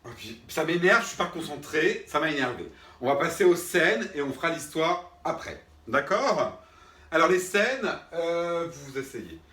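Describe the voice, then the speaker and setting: In a comic one-man sketch, a man plays an exasperated drama teacher addressing unseen students, starting out patient before getting fed up and constantly asking "d'accord?". His fairly high voice is very animated and a bit bright at a moderate pace, recorded roomy from a distant mic.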